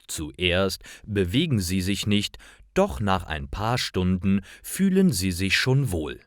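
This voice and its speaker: Narrating scripted short stories for language learners, a deep-voiced man speaks with careful, measured, crisp enunciation and a sing-song lilt. The recording is studio quality with no room sound.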